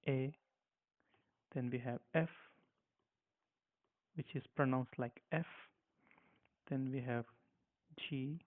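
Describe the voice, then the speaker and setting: A man teaching a language lesson, patiently spelling out letters one at a time and saying how each one sounds. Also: medium pitch. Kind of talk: slow spoken lesson with repetition. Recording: tinny phone-like sound.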